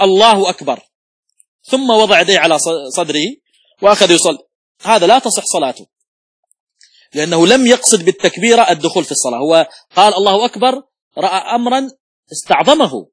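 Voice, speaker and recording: A man teaching a religious law lesson as a sheikh, methodically explaining rules through worked examples and repeating key points, with occasional coughs and throat clearing. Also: high-pitched, dry recording, clean studio sound. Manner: demonstrates correct and wrong pronunciation aloud.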